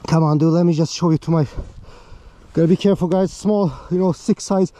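An excitable man narrating his ice fishing out on a frozen lake, out of breath and talking straight to his viewers. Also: fairly high pitch, fairly quick, no room sound. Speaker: fishing vlogger. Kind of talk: excited live commentary while ice fishing.

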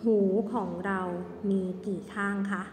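A woman teaching young children in an online lesson, speaking in a gentle, sing-song way. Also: measured pace. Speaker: kindergarten teacher. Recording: echoey room with long reverb, faint ambience.

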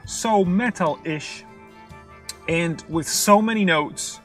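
A young man with a high-pitched voice reacts to music in a car, speaking English as a second language. He is casual and expressive, often pausing to hunt for the English word, with faint music in the recording. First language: not English. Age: young adult. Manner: halting, searching for English words mid-thought; expressive, sings out rhythms in syllables. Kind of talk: casual off-the-cuff music commentary. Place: inside a parked car in daylight.

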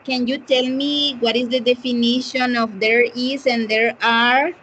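A woman's voice: a little high, steady tone, slow pace, a bit bright, husky. A woman with a Salvadoran Spanish accent teaching an English class over a video call, switching between Spanish and English and questioning students. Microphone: computer mic on a video call.

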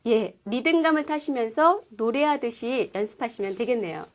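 A woman teaching a language class, explaining pronunciation clearly and patiently. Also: on the high side, lively intonation, moderate pace. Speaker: Korean-speaking Chinese language teacher. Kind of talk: scripted lesson presentation.

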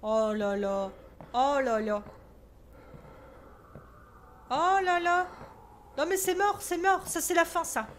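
A woman's voice: high voice, big pitch swings, unhurried, slight background noise. A young French woman streaming a horror game, jumpy and swearing, talking to herself as she gets scared. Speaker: gaming streamer. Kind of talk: let's play commentary.

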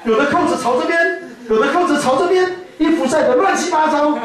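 A man doing a shrill, fussy army husband. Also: a little fast, a crowd in the background. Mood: scolding. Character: fussy, rigid male military husband scolding. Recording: echoey hall from far off.

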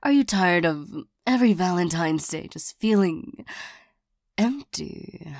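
A woman voicing a flirtatious, lonely female demon in an ASMR role-play, soft and partly soft-spoken, coaxing and teasing, easily irritated. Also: lowish voice, lively intonation, slow pace, gravelly, no echo, clean studio sound, heavily acted. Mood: coaxing, seductive. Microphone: close microphone.

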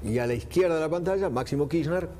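A man's voice: fairly high pitch, fast, dark tone, a little hiss or hum. A man giving pointed, emphatic commentary on a studio panel. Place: TV news studio.

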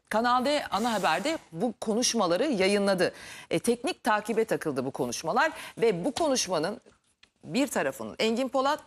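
A woman in her thirties presenting a live magazine show in a TV studio. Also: on the high side.

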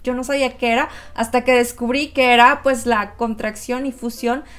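A woman's voice: fairly high pitch, fairly even intonation, normal speed, fairly bright tone. A woman co-hosting a casual language lesson, chatting about what she learned as a learner. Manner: conversational, recounts learning as a non-native. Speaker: co-host.

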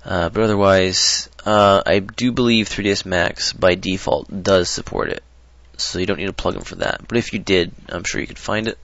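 Guy with a low creaky voice rambling thru a screen tutorial, dry dull mic. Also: steady tone, normal speed, hardly any pauses, a bit bright, no room sound. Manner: rambling, hesitant, lots of ums and restarts. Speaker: modding tutorial presenter. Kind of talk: casual screen-recorded tutorial.

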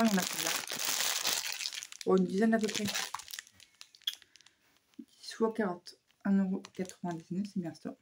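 A woman vlogger with a hoarse voice chatting casually through a shopping haul, hesitant and full of fillers. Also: mid-range voice, very noisy.

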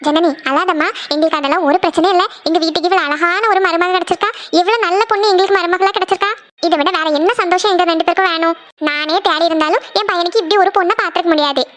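A woman's voice: very high voice, steady tone, very fast, a bit bright. A woman voicing a kind middle-aged mother-in-law in a cartoon, motherly and comforting. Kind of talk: cartoon voice acting.

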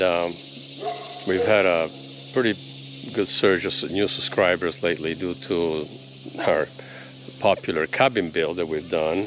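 A man in his fifties, originally from Italy, talks to the camera outdoors on his rural land, holding the phone out at arm's length. His voice sits deep and low, and he rambles in an easygoing way with plenty of ums. A little outdoor hiss sits under the sound. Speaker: homesteading vlogger. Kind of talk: casual vlog talk to camera.

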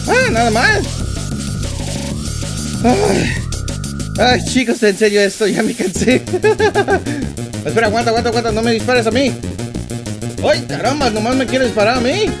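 A young man with a Mexican accent giving excitable let's play commentary, yelping, groaning and talking to viewers. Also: extremely high pitch, unhurried, pauses often. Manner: excitable, yelps and groans often, talks to viewers. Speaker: gaming channel host. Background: loud game music.

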